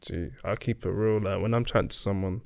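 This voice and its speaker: A man's voice: lowish voice, fairly even intonation, brisk, creaky, a little mellow, clear, resonant tone, dry recording. A young man with a London roadman accent, talking in a casual group chat in an emphatic, slangy, repetitive way. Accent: London, urban roadman slang.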